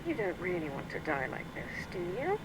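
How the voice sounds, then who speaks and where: Ruthless Sith woman, low-set cold menacing delivery, game audio under heavy noise. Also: huge pitch swings, normal speed. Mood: cold menace. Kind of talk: video game voice acting.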